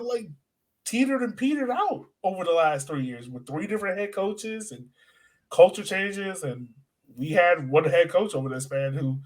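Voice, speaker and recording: Co-hosting a sports podcast, this man talks informally with plenty of slang and often addresses his co-host. His voice is a little high.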